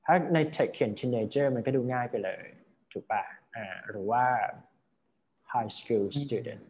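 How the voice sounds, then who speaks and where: A man's voice: mid-range voice, takes it slowly, a little mellow. A man teaching an English vocabulary lesson, explaining word by word and often checking that his students follow.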